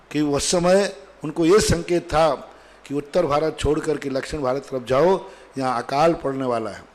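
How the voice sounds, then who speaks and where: A man's voice: a little high, a little mellow. Laughing, storytelling man preaching. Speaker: monk answering questions. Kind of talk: religious Q&A discourse.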